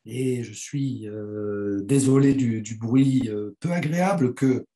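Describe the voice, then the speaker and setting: Hoarse, halting male professor. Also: mid-range voice, dark tone. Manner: halting, hesitant, frequent throat clearing. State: hoarse, croaky voice from a lost voice. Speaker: university professor and guest speaker. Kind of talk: academic talk, thinking aloud. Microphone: video call.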